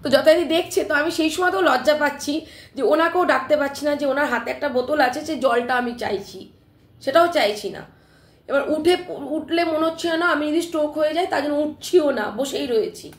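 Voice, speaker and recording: Woman live-streamer, high voice, sore throat, animated storytelling, echoey room. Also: fast. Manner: animated, emphatic retelling with frequent "ঠিক আছে?" check-ins.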